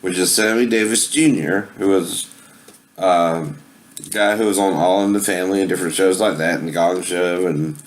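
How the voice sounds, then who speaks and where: In a low, steady voice at a moderate pace, an amateur demonstrator walks viewers through a tape deck. The instruction is laid-back and includes sung impersonations, and he frequently finishes a phrase with "right?"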